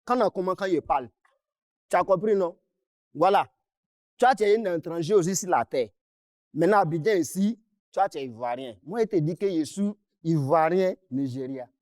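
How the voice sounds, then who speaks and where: A man's voice: on the high side, animated, normal speed, a little mellow, no room sound, clean studio sound. A man, confronting the person who owes him money; he talks angrily, insists and cuts in. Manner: angry, insistent, repeats himself, interrupts. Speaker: client in a dispute. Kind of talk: heated confrontation on a mediation show.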